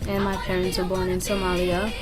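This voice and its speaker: A woman's voice: lowish voice, completely flat delivery, fairly quick. A young woman from Kenya, talking earnestly and reflectively in a casual interview at a community center. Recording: music playing under the voice.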